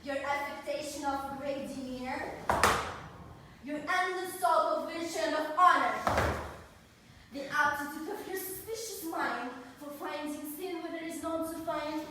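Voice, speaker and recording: A woman's voice: high voice, measured pace. A woman playing a witty, haughty young society coquette in a classical verse comedy, declaiming with barbed, mocking courtesy. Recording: very echoey hall from far off, faint noise.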